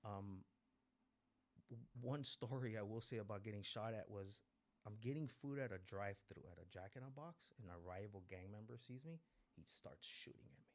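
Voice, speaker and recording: A guest at a recovery meeting, this man in his forties speaks at a moderate pace in a fairly low voice. Originally from Mexico and raised in East LA, he tells his story candidly, cursing freely and repeating phrases to drive them home.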